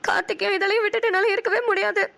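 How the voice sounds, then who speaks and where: A woman's voice: very high voice, steady tone, rapid-fire, creaky, sharp tone, full character voice. A woman voicing an anxious, heartbroken young mother in a cartoon, crying and pleading. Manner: tearful, pleading.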